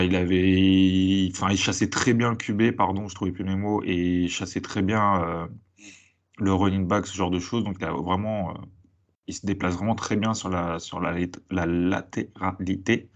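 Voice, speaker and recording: A man giving casual scouting commentary as an analyst, halting and correcting himself, with English sports terms mixed in. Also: low-pitched.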